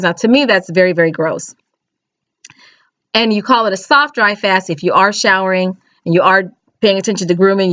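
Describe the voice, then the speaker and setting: A woman's voice: mid-range voice, a bit bright, no room sound. A middle-aged American woman chatting casually to camera, giving plain-spoken, instructive advice straight to the viewer. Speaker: video blogger. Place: small indoor home room. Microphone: webcam or laptop mic at arm's length. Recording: dull lo-fi webcam audio.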